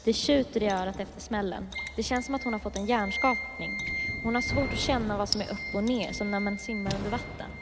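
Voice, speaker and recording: A woman's voice: mid-range voice, fairly even intonation, in a large hall, noisy background. Woman narrating a creepy story over sizzling. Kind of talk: improvised horror storytelling.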